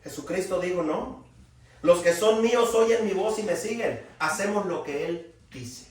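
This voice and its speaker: A man preaching a sermon in a folksy, animated way, raising his voice for emphasis. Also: sits high, unhurried. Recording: very echoey room, from far off.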